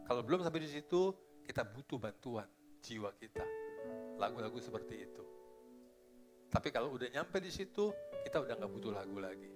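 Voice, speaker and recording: A middle-aged male pastor preaching, dropping into hushed, slow musing and rising to loud, high exclamations, with English phrases mixed in. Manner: slips into English phrases and sings softly. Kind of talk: sermon. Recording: faint guitar music behind.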